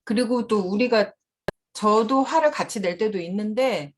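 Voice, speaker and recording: Brief: middle-aged woman, seminar speaker, candid and laughing easily, mid-pitched voice. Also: normal speed. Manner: candid, laughing often while recounting. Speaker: seminar speaker, mother and school principal. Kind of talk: conversational seminar talk.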